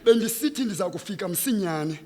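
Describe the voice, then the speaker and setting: Captured live in an echoing hall, this Xhosa-accented man from South Africa delivers slam poetry with a high-pitched, expressive voice at a fairly quick clip. The rhythmic, declamatory piece is dramatic and impassioned, rising from hushed tones to loud ones.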